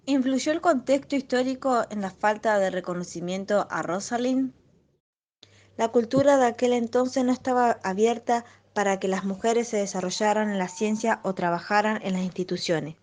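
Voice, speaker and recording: A woman's voice: mid-range voice, normal speed, a little mellow. A young woman, a student, reading her part of a school presentation.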